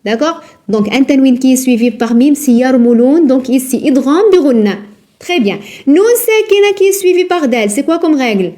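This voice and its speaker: A woman teaching Quran recitation rules in a live lesson, patient and repetitive, drilling words slowly and asking her students questions. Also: high-pitched, expressive, dark tone. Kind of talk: live online tajwid lesson.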